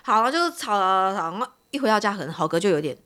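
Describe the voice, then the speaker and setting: Animated woman telling a story fast. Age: 30s. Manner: animated, acts out quotes of family with big pitch jumps. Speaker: podcast host. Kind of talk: casual chat, storytelling.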